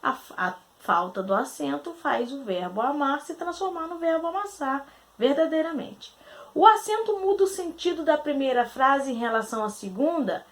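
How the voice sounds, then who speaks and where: A woman teacher from Brazil going through quiz answers, asking questions aloud, answering them herself and spelling out syllables slowly. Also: high-pitched, expressive. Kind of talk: recorded grammar lesson.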